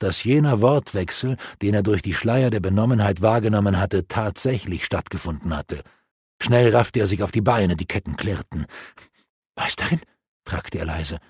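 A man narrating a fantasy audiobook in a measured, dramatic way. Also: fairly low pitch, a little mellow, husky, dry recording, clean studio sound.

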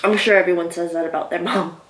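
A young woman chatting casually as she eats on her video, pausing, her mouth burning from spicy food. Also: fairly low pitch, steady tone, a bit bright, slight background noise. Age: young adult. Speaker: mukbang video host. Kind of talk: casual chat while eating. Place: small room indoors. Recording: echoey room, distant camera mic.

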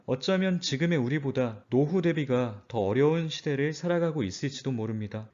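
Calm earnest man, lo-fi narration. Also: mid-range voice. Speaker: finance channel host. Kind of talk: scripted narration.

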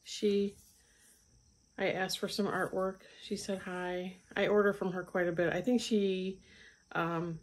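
A middle-aged woman who hosts a craft channel chats casually in her stitching vlog about craft supplies she's bought. Her voice is lowish and level, and she speaks unhurriedly, often saying "um" and restarting sentences.

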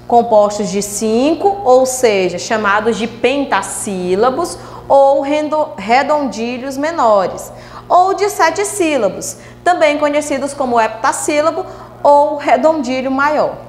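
High-voiced teacher in an echoey room. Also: female voice, a little hiss or hum. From Brazil. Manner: slow and explanatory, sounding out syllables, tag questions to students. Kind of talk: recorded class lesson. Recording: echoey room with long reverb.

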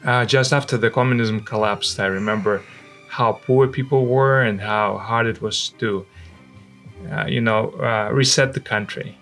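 Male interviewee, forties, Russian accent, slightly low gravelly voice, personal recollections, music underneath. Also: steady tone, measured pace, a bit bright. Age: 40s. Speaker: interview guest, missionary. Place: indoor studio. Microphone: microphone on a stand, close.

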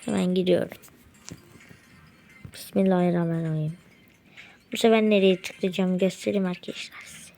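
A woman giving gameplay commentary to her viewers while opening rewards, quickly getting frustrated and excited. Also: mid-range voice, creaky. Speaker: mobile game streamer.

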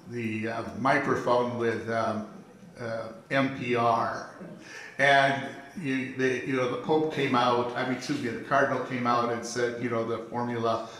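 Heard from far off in an echoey hall, an older Jesuit priest of medium pitch lectures at a conference before an audience in a large room. Speaking into a handheld microphone, with a distant camera recording, he is animated and gestures broadly while filling his talk with ums and restarts. Slight background noise is present.

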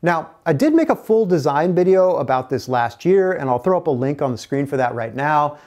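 A man's voice: a little high, a little mellow. A middle-aged man hosting his own channel, giving an earnest scripted update to camera with a lapel mic in an indoor workshop. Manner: earnest, gestures with both hands while explaining. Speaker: kayak builder and channel host. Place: indoor workshop with a canoe and curtain.

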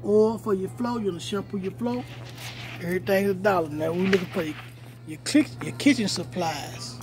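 A man's voice: sits high, normal speed, darkish tone, soft background music. A middle-aged man filming a casual walkthrough of a store aisle on a phone at arm's length, pointing out prices to viewers over and over. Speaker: vlogger. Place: large store aisle indoors. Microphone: phone held at arm's length. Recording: noisy store ambience.

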